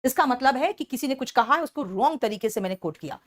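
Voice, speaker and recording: Woman exam-prep teacher, Indian English accent, slightly high pitch, patient and explanatory. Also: lively intonation. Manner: explains each word slowly, checks in with students often. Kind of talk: exam-prep vocabulary lesson.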